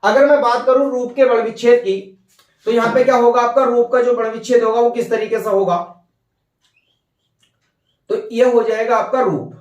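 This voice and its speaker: A man's voice: extremely high pitch, steady tone, moderate pace, pauses often, echoey room, distant mic. A man teaching a Hindi grammar lesson, repeating points and often checking that his listeners follow. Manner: repetitive, checks understanding with "ठीक है" and "भैया".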